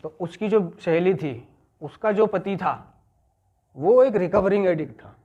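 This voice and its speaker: Man, recovery class leader, fairly high voice, storytelling lecture, muffled lo-fi sound. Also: measured pace, warm tone. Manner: checks in with listeners, repeats key phrases. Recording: muffled lo-fi recording.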